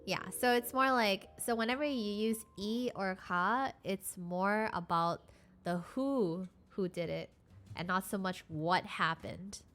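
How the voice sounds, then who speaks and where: A woman's voice: medium pitch, measured pace, fairly bright tone. A woman giving a casual live-streamed beginner lesson, explaining with lots of fillers and restarts. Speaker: streamer teaching Korean.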